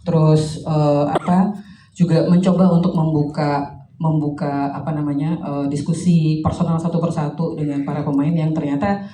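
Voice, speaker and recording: A woman's voice: deep voice, level tone, normal speed, warm tone. A woman film director answering at a press conference, thoughtful and full of fillers and restarts. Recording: roomy hall, distant mic, faint noise.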